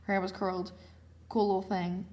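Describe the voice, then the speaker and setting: A woman's voice: medium pitch, level tone, fairly quick, mellow. A young woman casually narrating a sketchbook tour, chatty and self-mocking, with lots of slang. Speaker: vlogger.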